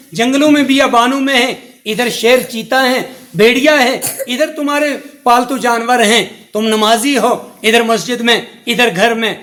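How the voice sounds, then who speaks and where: A man's voice: extremely high pitch, fairly bright tone. A middle-aged man giving a religious sermon as a mufti, preaching in rhythmic, repetitive lists.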